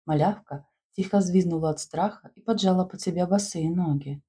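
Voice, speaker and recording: A woman reading a story aloud in expressive storybook narration. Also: on the low side, normal speed, slightly rough. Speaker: audiobook narrator.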